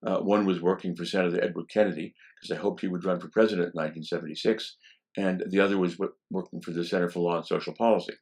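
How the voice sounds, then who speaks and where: A law professor in his seventies looks back on his early years in an interview, speaking in a deep, low voice. He reminisces in a relaxed, anecdotal style, often pausing on "um" as he tells his stories.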